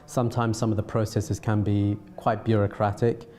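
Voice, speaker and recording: A man from south-east England with a Home Counties accent, giving an unscripted account as an interviewee in a measured, hesitant way with frequent pauses and repeats. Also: fairly low pitch, little pitch movement, mellow. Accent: Home Counties English. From south-east England, London and Surrey. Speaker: interviewee, television producer and filmmaker. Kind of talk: unscripted talking-to-camera account.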